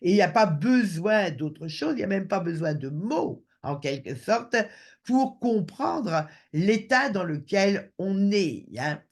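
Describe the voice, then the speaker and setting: A man's voice: sits high, very animated, takes it slowly. A man giving an online lecture over a video call, hesitant with many filler sounds.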